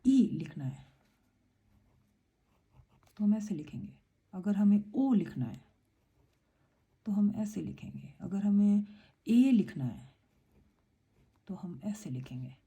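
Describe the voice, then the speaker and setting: A woman's voice: medium pitch, lively intonation, takes it slowly, long pauses, dark tone, husky. A woman teaching a Korean lesson in a patient, explaining way, switching between Hindi and English. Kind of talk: casual online lesson.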